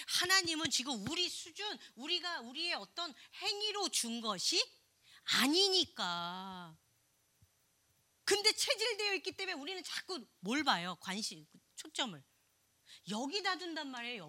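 A woman, a pastor's wife, preaching a sermon in an animated, playful way, with laughing asides and sudden drops to a hush. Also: sits high.

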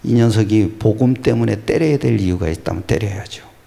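With a lowish, vocal-fry voice and a fairly quick delivery, this man preaches as a pastor. He shifts from booming exclamations to soft whispers and answers the rhetorical questions he poses.

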